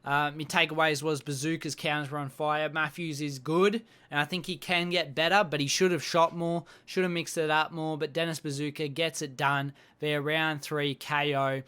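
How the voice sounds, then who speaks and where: A man's voice: on the high side, steady tone, normal speed, few pauses, pushed and bright, clear, resonant tone. A man recapping fight-night bouts in casual chat, blunt and swearing constantly as he rants at the fighters. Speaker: MMA recap host.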